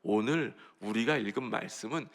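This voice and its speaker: A man's voice: mid-range voice, normal speed. A male pastor giving an early-morning sermon in a church, talking conversationally and putting questions to the congregation.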